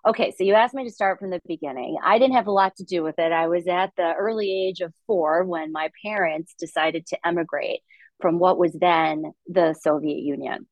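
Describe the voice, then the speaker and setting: A middle-aged woman from Latvia speaks as an interview guest, articulate and upbeat, pitched a little low. The sound is dry and close, with no room around her. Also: normal speed, dry recording. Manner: articulate, upbeat storytelling with light laughs. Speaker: podcast guest, investor. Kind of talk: conversational interview.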